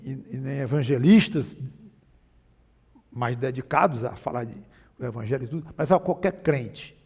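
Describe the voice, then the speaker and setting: A man's voice: fairly high pitch, gravelly, darkish tone, slightly rough, long reverb tail. A man preaching a sermon with a Brazilian Portuguese accent, emphatic, often shifting his volume and pace. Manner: emphatic, varies volume and pace, mimics mocking voices.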